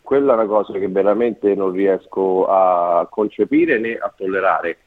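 A man calling in to a talk show over a landline phone, telling his complaints in a wry, measured way. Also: sits low. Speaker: caller. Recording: dull phone line.

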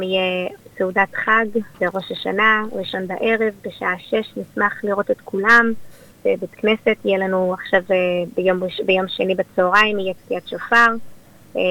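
A woman's voice: medium pitch, level tone. Woman w israeli accent explaining stuff in a radio interview, kinda dull lo-fi audio. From born in Australia, raised there and in Israel. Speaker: rabbi's wife and community leader, interview guest.

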